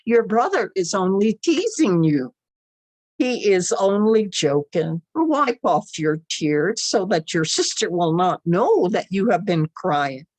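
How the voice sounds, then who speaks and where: A woman storyteller voicing a kind elder brother who speaks in a calm, gentle, reassuring way, in a traditional story. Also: medium pitch, slow pace, dry recording. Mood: soothing. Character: kind, soothing second-eldest brother, a young man.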